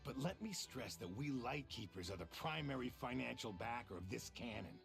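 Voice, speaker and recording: An earnest guard captain with a gravelly, mid-pitched voice. He speaks plainly and steadily. Faint game music plays behind him. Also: animated, normal speed.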